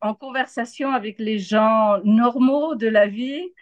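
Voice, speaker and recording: Here an interviewed journalist, a woman raised speaking the language in Argentina, analyzes events live at a slightly slow pace. Her voice sits fairly high as she hesitates and doubles words for emphasis, captured in a close, echo-free, dull-sounding recording.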